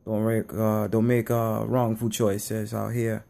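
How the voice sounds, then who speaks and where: A man's voice: fairly low pitch, completely flat delivery, takes it slowly, gravelly, dark tone. A man voicing a mock Jamaican elder in a fake Jamaican accent, preaching to youth about their choices. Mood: preachy.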